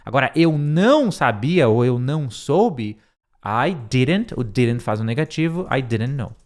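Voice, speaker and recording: A young man, teaching English line by line, repeating words slowly, with many fillers. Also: medium pitch, sing-song.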